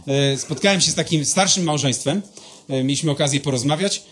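A pastor giving a sermon, telling personal stories in a lively, conversational way and speaking straight to his listeners. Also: a little high, fairly quick, a little hiss or hum.

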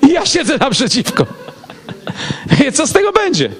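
A man, a pastor, telling a personal story in a casual, animated way and acting out both sides of the dialogue. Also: very high voice, moderate pace, very noisy.

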